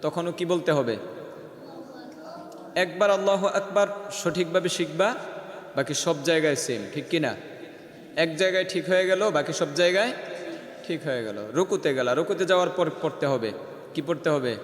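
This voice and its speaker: Man, Quran teacher, class lesson, quizzing pupils, drawn-out chanted examples, echoey hall. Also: a little high. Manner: quizzes pupils, then slowly chants the words as a model. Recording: echoey hall with long reverb.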